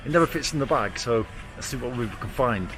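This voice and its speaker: A forty-year-old man with a weak, unclear R vlogs casually on city streets, blunt, self-deprecating, and easy with swear words. His mid-range voice is animated, brisk, and a bit bright. The audio is poor, with faint music behind him plus outdoor city and traffic noise.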